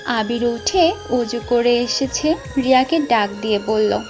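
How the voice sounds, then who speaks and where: A woman's voice: on the high side, a little slow. A woman narrator reading a scripted romantic story with music behind her.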